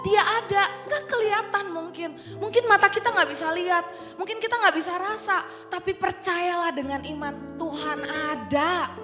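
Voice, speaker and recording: A woman preaching an animated, playful online youth sermon. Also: extremely high pitch, normal speed. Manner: animated, playful, mixes in English phrases. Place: online church service in a large hall. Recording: reverberant hall with faint music.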